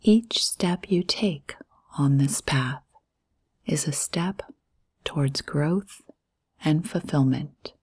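Breathy and whispery, a woman's low, a little mellow voice leads a guided meditation. She speaks in an unhurried, soothing way, using short phrases and long pauses.

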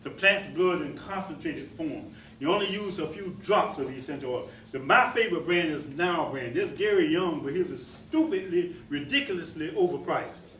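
A man's voice: on the high side, normal speed, hardly any pauses, a bit bright, slight background noise. Folksy man lecturing from across an echoey room. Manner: folksy, repetitive, asks the audience questions. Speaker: presenter teaching about herbs. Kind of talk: informal talk to a small audience. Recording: echoey room, voice heard from a distance.

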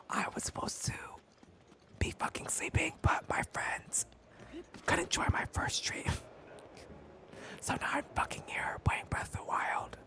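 A young man whispering as a mock ASMR host in a whispered role-play, breathy and far from the mic. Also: sharp tone.

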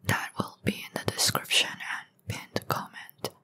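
A woman, a channel creator, giving a casual, soft-spoken announcement to listeners. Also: unhurried, whispered.

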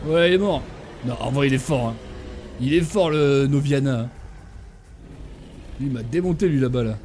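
A young man giving excitable, slangy live commentary while playing a video game, often calling out to other players. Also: mid-range voice, moderate pace, noisy background. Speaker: gaming streamer.

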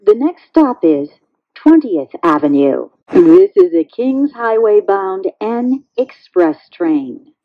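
A woman's announcement voice comes through a train intercom, with dull, muffled lo-fi sound and no room echo. She speaks slowly, in carefully spaced phrases, and her pitch rises and falls a lot. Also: sing-song. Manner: slow, measured, evenly spaced phrasing. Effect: played over a train intercom speaker. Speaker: transit announcer. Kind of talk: recorded station announcements.

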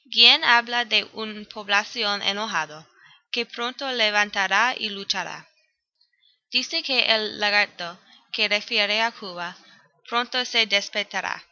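A woman's voice: mid-range voice, pushed and bright, no echo. A woman student reading a prepared poem analysis aloud, evenly, with some grammar slips. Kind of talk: read-aloud school presentation. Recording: dull, dry lo-fi recording.

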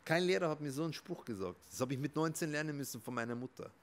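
A man, a rabbi, giving an emphatic motivational talk that swings between soft and loud. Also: a little high, fast. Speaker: rabbi and therapist.

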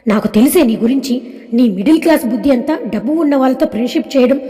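A woman's voice: high-pitched, quick pace, warm tone, lightly acted. A woman voicing an arrogant, rich middle-aged mother who scolds and insults a young woman. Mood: scolding. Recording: long reverb.

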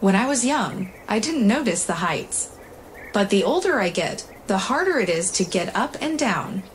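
Woman reading frail lonely old granny, soft weak voice, slight hiss. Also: medium pitch, big pitch swings, normal speed, natural voice. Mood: weary.

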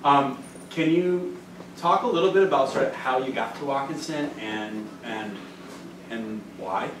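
A middle-aged man moderates a student panel in a large school hall, his questions loose and halting with restarts. He sounds distant from the microphone, the room rings with echo, and a steady background noise sits under the voice. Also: mid-range voice.

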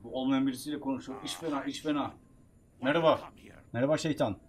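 A man giving casual, chatty commentary while playing a video game, excitable, bursting into shouts. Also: medium pitch, quick pace. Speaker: game streamer.

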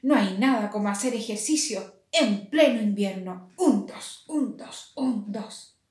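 A woman voicing a sporty, energetic hare in a storybook reading, with an energetic, chanting manner. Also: mid-range voice, unhurried, close to an everyday voice. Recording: roomy echo.

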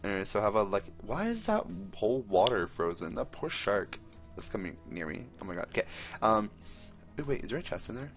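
A young man giving casual, excitable commentary while he plays, exclaiming often and talking to the characters on screen. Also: on the low side, a little fast, soft background music. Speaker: gameplay commentator.

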